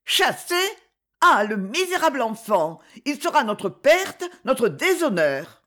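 A woman voicing a sturdy, stern mother who exclaims in a shrill, high voice. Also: sing-song, measured pace, exaggerated voice. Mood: angry.

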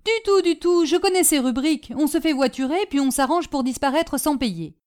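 A blunt, suspicious cab driver argues loudly and will not give way, voiced by a woman reading a storybook. His voice is pitched high for a man and pushed hard. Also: animated, brisk. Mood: insistent. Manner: gruff, insistent.

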